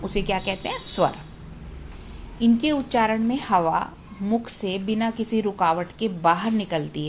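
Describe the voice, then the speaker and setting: Female teacher giving a grammar lesson to children, calling out letters one at a time, mid-pitched, faint room noise. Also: darkish tone. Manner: asks questions then answers them herself; reads out letters slowly one by one. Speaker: Hindi teacher.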